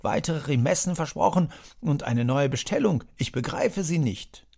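A man voicing a retired gentleman who lectures his listener in a dramatized audiobook. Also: fairly high pitch, expressive, normal speed, creaky, breathy edge, pitched above the performer's own voice, full character voice. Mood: lecturing.

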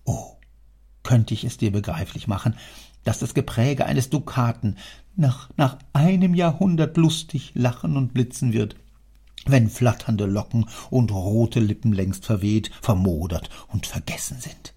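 A man voicing a stern, wealthy old father who scolds his son in an audiobook, speaking in a gravelly, husky, lecturing way. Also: medium pitch, unhurried, dark tone. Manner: lecturing, indignant, declamatory. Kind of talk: audiobook character reading.

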